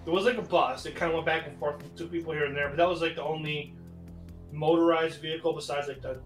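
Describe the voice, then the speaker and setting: Casual male podcast co-host, higher voice, rambling storyteller, echoey room with faint music. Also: quick pace. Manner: rambling, animated, many fillers.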